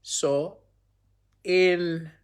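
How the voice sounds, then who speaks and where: A man's voice: high-pitched, drawn-out words, clear, resonant tone. A man casually telling a personal story to viewers, acting out the dialogue and using many fillers like "you know" and "okay". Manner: animated, acts out dialogue in retelling.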